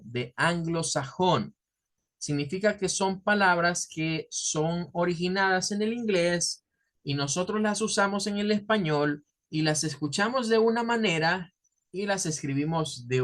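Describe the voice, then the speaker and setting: A man teaching a class, explaining step by step, slowing down to stretch key words and often checking with his students. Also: on the high side, a bit bright. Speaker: English teacher. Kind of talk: online class lecture.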